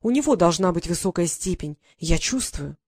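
Woman doing a scheming clockmaker lord, dry and mocking, slightly low, close dry sound, audiobook. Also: lively intonation, moderate pace, a little mellow, slightly rough, no room sound. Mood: cool, ironic. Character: calm scheming male clockmaker lord, ironic.

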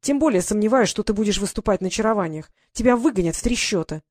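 A woman's voice: mid-range voice, animated, fast talker, darkish tone, no echo, studio quality, natural voice. A woman reading the lines of a cocky, teasing boy in an audiobook, with a sarcastic, needling manner. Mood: mocking.

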